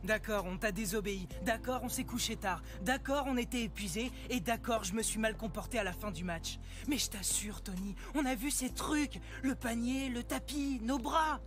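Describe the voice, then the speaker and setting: An actor playing a stubborn, earnest young boy basketball player in an animated series, insistent and pleading. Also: mid-range voice, moderate pace, hardly any pauses, natural voice. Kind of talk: French animated series dubbing. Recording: music under the voice.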